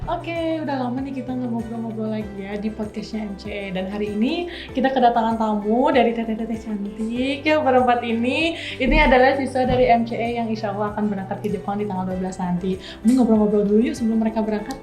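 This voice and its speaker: A woman's voice: a little high, fast talker, darkish tone, echoey room, soft background music. A woman hosting a podcast in a casual, chatty, upbeat way, agreeing often. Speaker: podcast host. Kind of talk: casual interview chat.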